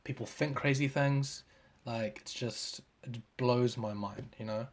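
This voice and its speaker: A man's voice: mid-range voice, measured pace. A man chatting casually as a podcast guest, laid-back, swearing freely and trailing off. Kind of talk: casual chat.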